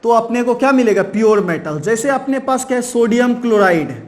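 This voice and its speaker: Male science teacher, very high voice, quizzes the class with rhetorical questions and repeats key terms. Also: expressive. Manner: keeps asking and answering his own questions; repeats key terms slowly, ends points with "right". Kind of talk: chalk-and-talk science lesson.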